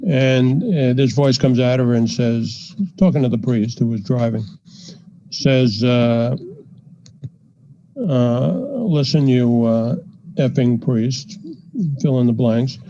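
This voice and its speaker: An older man, a psychiatrist guest on a podcast, telling a story in a measured way with frequent fillers. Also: medium pitch, fairly even intonation, dark tone. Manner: measured, anecdotal, frequent "you know" fillers. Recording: dull lo-fi podcast audio.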